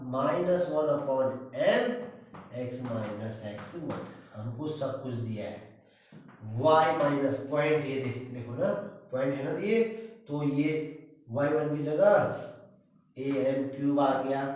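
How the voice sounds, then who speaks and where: Slow, echoey man teaching maths. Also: a little high, darkish tone. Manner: asks rhetorical questions, repeats "dhyan dena"; slow, drawn-out explaining. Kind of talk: classroom maths lesson. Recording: echoey room, distant dull mic.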